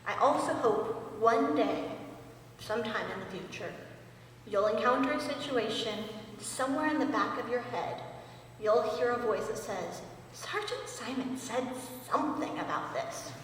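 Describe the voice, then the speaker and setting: A woman's voice: a little high, normal speed, a little hiss or hum. A woman master sergeant giving an earnest, wry speech at her own promotion ceremony. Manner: earnest, wry, emotional at times. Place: large indoor hall. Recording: echoey hall, mic far off.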